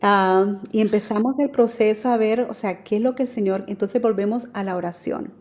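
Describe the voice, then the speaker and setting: Mellow-voiced woman testifying. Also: mid-range voice, moderate pace. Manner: earnest storytelling with many fillers. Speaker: radio guest. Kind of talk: personal faith testimony. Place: radio studio.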